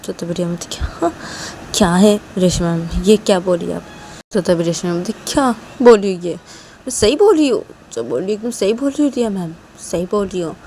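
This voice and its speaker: A woman's voice: fairly low pitch, expressive, a little fast, dark tone, slight background noise. A woman voicing an anxious, lovesick young woman who pleads tearfully and repeats herself. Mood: anxious pleading.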